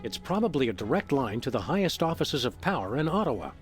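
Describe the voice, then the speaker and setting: An actor voicing a deadpan dog detective in a video game, delivering dry quips. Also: male voice, mid-range voice, quick pace, faint music behind, natural voice.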